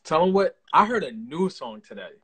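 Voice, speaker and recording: A man's voice: fairly high pitch, sing-song, normal speed, a bit bright, slightly rough, poor audio. A man interviewing a singer on a livestream in an earnest, encouraging way, with lots of fillers.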